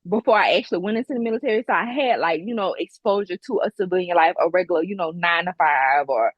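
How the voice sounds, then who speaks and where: A woman's voice: lowish voice, quick pace, dry recording, highs cut off. Southern woman with a Mississippi-Alabama twang. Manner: lively storyteller, acts out voices in anecdotes. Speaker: guest. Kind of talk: casual interview chat.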